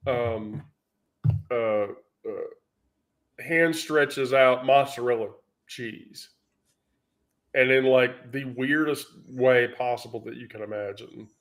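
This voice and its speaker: A man's voice: mid-range voice, fairly bright tone. A man vlogging in casual storytelling mode, rambling and profane, with many fillers.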